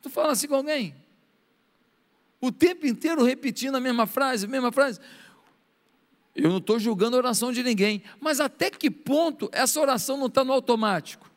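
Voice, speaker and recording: A Brazilian pastor, a middle-aged man, preaches with a high, light voice, moving between lively appeals and hushed, acted-out prayers. His words ring out in a church hall with a long, trailing reverb. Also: fairly quick. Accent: Brazilian Portuguese. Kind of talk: sermon.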